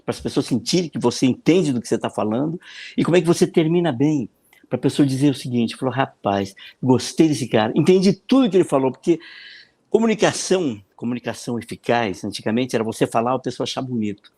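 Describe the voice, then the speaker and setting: A man with a Brazilian Portuguese accent, a consultant answering questions in a podcast interview. He explains in an animated way, often repeating words and acting out the voices of the people he quotes. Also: medium pitch, fast talker, breathy edge. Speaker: political consultant and speaking coach.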